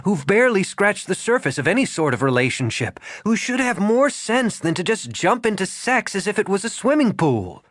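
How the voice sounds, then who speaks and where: High flustered young woman, as a male narrator puts her on. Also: very animated, fairly bright tone, no echo, full character voice. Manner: quick, rising, flustered delivery. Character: anxious young woman, restrained and orderly. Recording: dry close studio sound.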